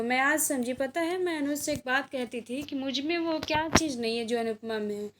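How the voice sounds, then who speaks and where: A woman's voice: sits high, background noise, natural voice. A woman voicing a remorseful grown woman who pleads for forgiveness and reproaches herself.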